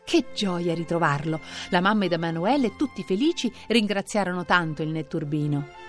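A woman's voice: lowish voice, lively intonation, normal speed. Woman reading a children's story over music.

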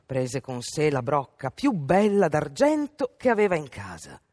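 A woman reading a fairy tale aloud for radio with an expressive, animated delivery. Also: low voice, unhurried, no echo, studio quality. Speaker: storyteller.

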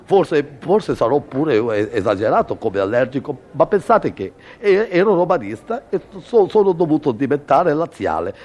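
A man's voice: fairly high pitch, big pitch swings, normal speed, hardly any pauses, a little mellow. A man performing a stammering comic monologue, with sneezing fits and mock-noble airs. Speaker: comedian.

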